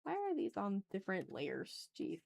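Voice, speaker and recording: This art livestream host talks in a mid-range, creaky, darkish voice with huge pitch swings at normal speed. Drawing as she goes, she rambles casually, mutters to herself and lets out mild swearing in an informal manner.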